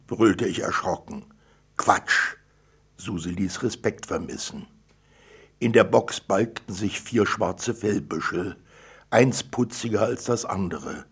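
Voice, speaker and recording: Male storybook narrator, low, husky, creaky voice, dry delivery. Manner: dry first-person narration, gruff father's lines. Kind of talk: storybook reading.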